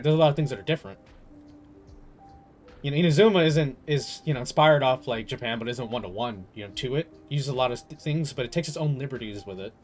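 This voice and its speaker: A livestreamer with a voice on the high side talks casually over his gameplay, rambling and opinionated. His slangy chatter is amused and incredulous, with some swearing mixed in.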